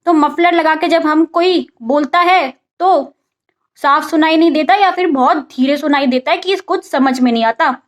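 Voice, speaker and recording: Woman, vocabulary teacher, high voice, casual lesson, asks and answers her own questions. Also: moderate pace. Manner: mixes English vocabulary into Hindi explanation.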